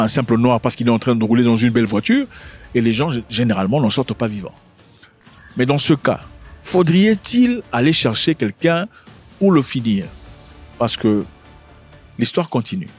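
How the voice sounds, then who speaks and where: A man with a mid-range voice, not a native French speaker, casually comments on a news video. He asks lots of rhetorical questions and frequently restarts what he's saying.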